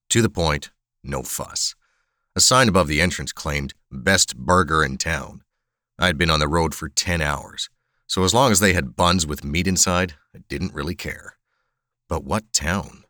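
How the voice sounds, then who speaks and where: A man narrating a first-person thriller in a measured, dry, understated way. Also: very deep voice, pushed and bright, no echo. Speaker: audiobook narrator.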